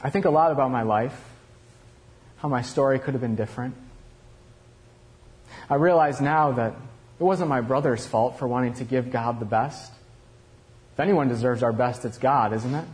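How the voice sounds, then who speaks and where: A man's voice: mid-range voice, normal speed, pauses often, a little mellow, lightly acted. A man playing Cain in a first-person dramatic monologue, telling his story in a confessional, reflective way. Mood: regretful. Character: Cain, aging regretful male murderer looking back.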